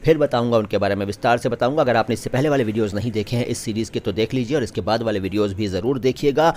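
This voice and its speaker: A man talks through a travel vlog at an ordinary middle pitch. He explains word meanings patiently and lists synonyms one after another. Each key word is stretched out slowly so its pronunciation comes through clearly. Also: a little mellow, slight background noise. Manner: slow, careful drawn-out pronunciation of words. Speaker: channel host teaching word pronunciation.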